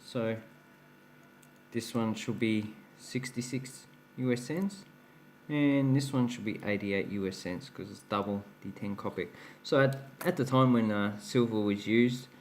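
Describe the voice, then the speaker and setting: Fairly low and a little slow, the voice belongs to a man hosting a casual show-and-tell coin vlog. He's talkative and explanatory, laughs at his own slip-ups, and a bit of hiss or hum is audible.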